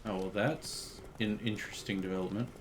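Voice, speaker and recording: A man's voice: fairly low pitch, fairly quick, background noise. Laid-back male game streamer. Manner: relaxed, thinking aloud. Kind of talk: casual gameplay commentary.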